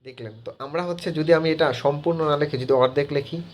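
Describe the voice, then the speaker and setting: A man acting as a teacher, walking students through an app tutorial in a halting way with many filler words. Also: fairly high pitch, fairly even intonation, a little mellow, a little hiss or hum. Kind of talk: screen-recorded app tutorial.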